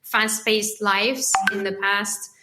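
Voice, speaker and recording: A woman's voice: medium pitch, level tone, takes it slowly, noisy background. A woman in her thirties with a French accent, a podcast guest talking casually and thoughtfully, often restarting her phrases. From France. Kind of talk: casual interview talk.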